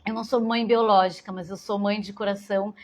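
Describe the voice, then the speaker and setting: A woman's voice: mid-range voice, steady tone, fairly quick. A woman, giving an informal parenting talk to mothers and often rephrasing as she goes. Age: 40s. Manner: warm, conversational, repeats and rephrases phrases. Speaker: educator speaking to mothers.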